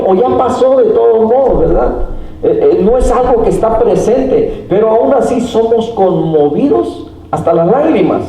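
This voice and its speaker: Unhurried pastor in an echoey church. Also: male voice, high-pitched, mellow. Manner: unhurried teaching with frequent fillers and rhetorical questions. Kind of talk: sermon. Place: church hall. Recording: echoey hall, mic far off.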